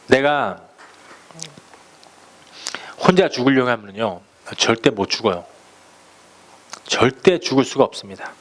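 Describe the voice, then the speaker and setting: Animated Korean-speaking male pastor preaching. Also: medium pitch. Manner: lively preaching, acts out quoted voices, rhetorical questions. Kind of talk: sermon.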